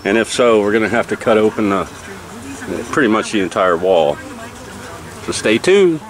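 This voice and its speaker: A man, a beekeeper casually explaining a bee removal outdoors in a relaxed, plain-spoken way with many fillers. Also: lowish voice, normal speed, rough recording. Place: outdoors beside a house wall. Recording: outdoor noise in the background.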